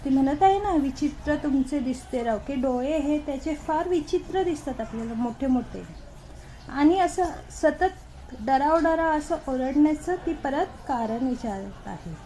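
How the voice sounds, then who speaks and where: A woman teaches a children's poem, speaking slowly and patiently. Her voice sits high. Now and then she puts questions to her students. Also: lively intonation, dark tone, a little hiss or hum, low-quality recording. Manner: slow patient explaining, asks students questions. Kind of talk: explaining a school poem.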